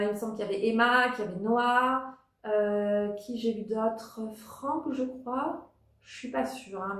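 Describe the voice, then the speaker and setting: A woman giving a casual spoken review as a vlogger, hesitant, with many fillers and restarts. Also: a little high. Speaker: vlogger reviewing a TV talent show. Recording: echoey room.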